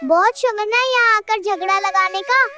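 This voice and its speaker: A woman's voice: extremely high pitch, moderate pace. A woman voicing a cheeky, scheming young daughter-in-law in a cartoon, with children's music behind her. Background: children's background music.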